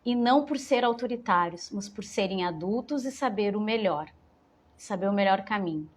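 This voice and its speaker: A woman's voice: medium pitch, animated, normal speed, a little hiss or hum. A woman, giving an informal parenting talk to mothers and often rephrasing as she goes. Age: 40s. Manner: warm, conversational, repeats and rephrases phrases. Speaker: educator speaking to mothers.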